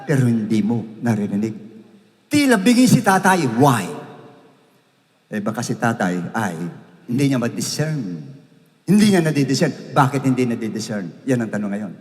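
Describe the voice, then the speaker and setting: A man with a Filipino accent preaching a sermon as pastor, swinging from loud proclaiming to low hushed appeals. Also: very animated, normal speed, big-room sound. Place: church sanctuary.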